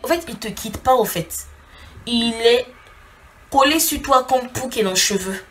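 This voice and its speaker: A woman's voice: a little high, lively intonation, normal speed. A woman vlogger giving casual relationship advice to camera, speaking straight to her female viewers and acting out little scenes as she goes. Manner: speaks directly to a female audience as "tu".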